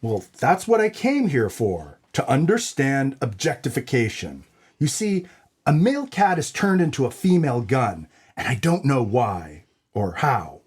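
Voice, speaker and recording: A man's voice: medium pitch, very animated, measured pace, darkish tone, slightly rough. A man playing a brash, dim hard-boiled noir detective in a comedic audio drama, with a tough-guy delivery. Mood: smarmy.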